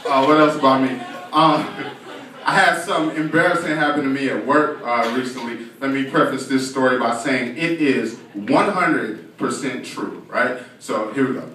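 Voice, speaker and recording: A young man telling a stand-up story on a comedy club stage, animated and profane, acting out voices as he goes. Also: medium pitch, moderate pace. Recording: echoey club, far mic, audience noise. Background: audience laughter.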